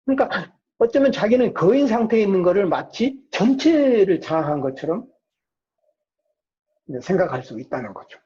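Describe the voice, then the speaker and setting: This man lectures casually on psychology at a moderate pace, his high, mellow voice swinging widely in pitch. He asks questions only to answer them himself, and the lo-fi recording sounds muffled and dull.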